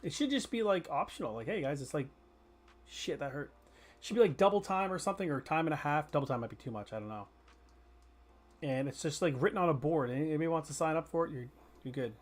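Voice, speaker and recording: Brief: male streamer, slightly high voice, loose jokey banter, drops the odd swear. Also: fast. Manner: chatty and joking, answers chat, swears casually. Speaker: gaming streamer. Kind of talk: casual live gameplay chatter.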